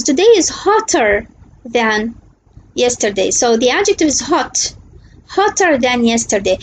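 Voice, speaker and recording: Female English teacher, high voice, slow and deliberate, prompting students, faint hiss behind. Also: rough recording. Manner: slow and deliberate, often pausing to ask "what?" and checking with "okay?". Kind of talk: slide lecture.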